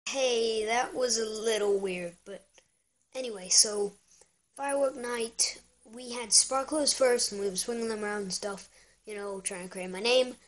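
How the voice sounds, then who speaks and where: Young female vlogger with a hoarse voice. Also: on the high side, moderate pace. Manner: chatty, rambling with many fillers. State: hoarse, lost voice. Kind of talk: casual vlog chat.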